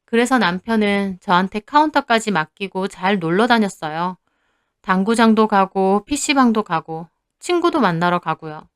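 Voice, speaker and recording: A woman's voice: medium pitch, lively intonation, normal speed, clear, resonant tone, no room sound, clean studio sound. A young woman narrating her own story in the first person, in a plain confessional way.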